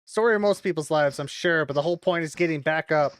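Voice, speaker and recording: Speaking quickly in a low voice, a woman comments casually on a video game she's streaming live. She exclaims often and swears a lot out of exasperation.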